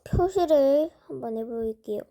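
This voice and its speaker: A woman vlogger slowly narrating as she draws a map, musing aloud and talking to herself as she works. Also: high voice, lively intonation, dark tone. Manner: slow, musing, talks to herself while drawing. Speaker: drawing vlogger. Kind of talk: casual narration while drawing a map.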